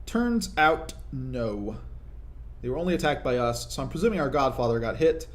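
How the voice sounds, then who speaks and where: A man's voice: medium pitch, lively intonation, normal speed. Young guy walking thru his game moves, chatty and explainy, normal mid voice, keeps asking right?. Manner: conversational, explanatory, frequent "right?" tag questions. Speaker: gaming video commentator. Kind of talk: casual gameplay commentary.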